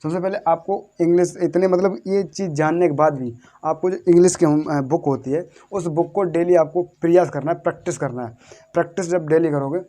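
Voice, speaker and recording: Man teacher, slightly high voice, repetitive questions and answers, slow letter-by-letter spelling. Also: mellow. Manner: repetitive, asks the viewers questions and answers them himself; spells out words letter by letter slowly. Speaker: English teacher. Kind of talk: classroom-style lesson.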